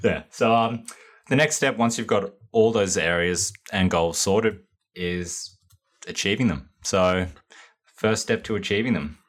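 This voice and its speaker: A man co-hosting a podcast, calmly explaining things step by step with plenty of ums in a casual chat. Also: on the low side, measured pace. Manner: laid-back, explains step by step with many ums. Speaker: podcast co-host.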